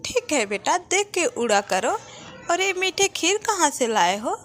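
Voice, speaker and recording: A woman plays a gentle mother bird in a cartoon, tender and worried for her chick. She sounds high and lively, with a motherly, soothing manner. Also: measured pace, a little hiss or hum, full character voice.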